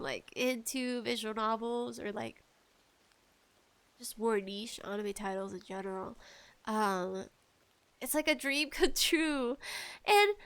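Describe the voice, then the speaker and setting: This solo podcast host is a woman whose voice sits high and sounds nasal and congested, yet clean in tone. She rambles casually, pleads animatedly, and pokes fun at herself.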